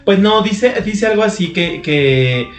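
A man's voice: high-pitched, expressive, slow. A man with a Mexican Spanish accent, co-hosting a podcast, chatting with dramatic, exclamatory flair. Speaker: podcast co-host. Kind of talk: casual gossip chat. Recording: echoey room with music behind.

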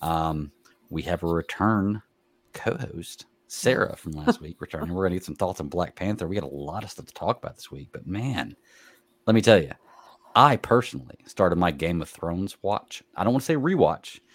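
Podcast host: man, low voice, dry close sound, easygoing banter. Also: animated, a little fast, dry recording. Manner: chatty, laughing banter with co-hosts. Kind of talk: casual podcast chat.

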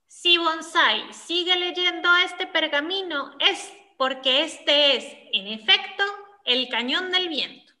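A man's voice: very high-pitched, slow pace, bright, forceful tone, voice pushed up, heavily acted. A man voicing a pompous male ceremonial warden who reads out a scroll in a formal, solemn way.

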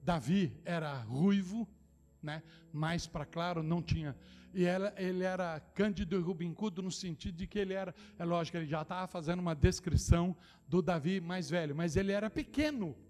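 A high-pitched middle-aged man preaches with a Brazilian Portuguese accent from São Paulo. He speaks straight to the congregation, repeating key lines for emphasis. His quiet asides build into fervent, shouted declarations while faint music plays behind him. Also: a little fast. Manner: impassioned preaching that swings from low, intimate asides to shouted declarations; addresses the congregation directly with repeated phrases. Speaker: pastor. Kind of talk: Pentecostal sermon to a congregation.

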